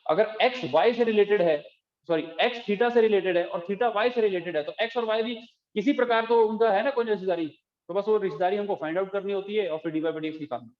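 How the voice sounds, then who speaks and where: A math teacher lectures a class on calculus, working step by step and frequently checking whether students follow. He has a high voice and talks fast, and the recording sounds echoey with a dull lo-fi quality.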